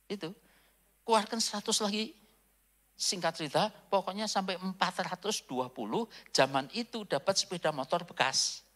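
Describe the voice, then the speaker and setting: A male pastor preaching a sermon in a casual storytelling way, jumping between loud high bursts and hushed near-whispers. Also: vocal fry. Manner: casual, with frequent filler "gitu".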